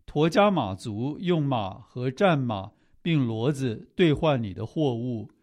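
A man reading scripture aloud in a steady, measured way. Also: medium pitch. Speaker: scripture reader.

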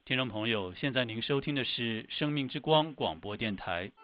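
A man's voice: mid-range voice, lively intonation. Formal man hosting a radio program. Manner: formal, measured announcing. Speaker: radio host. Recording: dry, dull lo-fi radio sound.

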